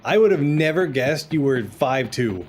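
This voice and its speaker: A man's voice: mid-range voice, expressive, moderate pace, a little mellow, slight background noise. A young man giving casual, laid-back commentary while streaming a video game, chatting and swearing freely. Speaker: gaming streamer. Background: game music.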